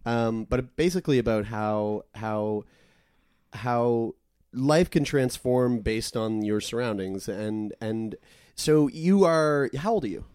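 A man's voice: medium pitch, slow, darkish tone, smooth, no room sound, clean studio sound. A man, chatting informally and interviewing as a podcast host. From East Coast of Canada. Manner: informal, freely swearing. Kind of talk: casual chat and interviewing.

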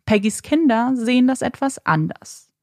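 A woman's voice: a little high, animated, moderate pace, dry recording, studio quality. A woman narrating a true crime case in a scripted, dramatic storytelling manner.

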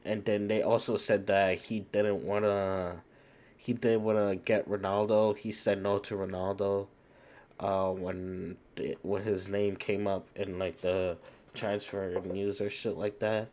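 A man's voice: fairly low pitch, level tone, unhurried, a little mellow. A man co-hosting a sports podcast, talking loosely and full of slang. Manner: slangy, loose, says bro a lot. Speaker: podcast co-host. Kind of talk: casual sports chat.

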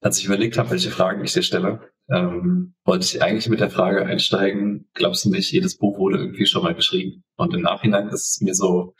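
A man's voice: low voice, little pitch movement, a little fast, few pauses, fairly bright tone, echoey room, recorded from a distance. A man hosting an interview conversationally, his voice sounding robotic through a poor microphone. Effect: robotic-sounding audio. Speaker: podcast host and interviewer. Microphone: wrong, poor-quality microphone.

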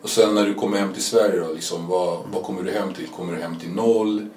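Deep-voiced man asking questions. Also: steady tone, a little mellow, slight background noise. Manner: brief prompts and questions. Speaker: host. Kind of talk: casual interview. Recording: roomy echo, faint ambience.

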